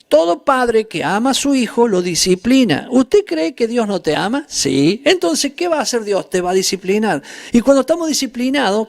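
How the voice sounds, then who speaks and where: Gravelly high-voiced man teaching. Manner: emphatic, direct questions to listeners. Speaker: Bible teacher. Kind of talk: Bible class lecture.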